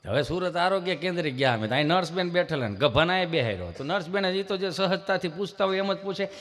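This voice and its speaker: A man's voice: high-pitched, expressive, fast talker, a bit bright. A man with a Kathiyawadi Gujarati accent telling folksy comic stories at a live program at an ashram, acting out the dialogue himself. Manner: folksy, acts out dialogue in other voices. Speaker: stage comedian. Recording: reverberant live venue.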